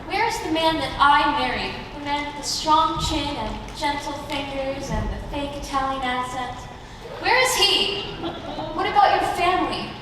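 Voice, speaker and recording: A woman's voice: sits high, lively intonation, measured pace. A woman playing an exasperated, scolding, neglected wife in a comic stage play, confrontational and indignant. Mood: fed up. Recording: echoey noisy hall, far from microphone.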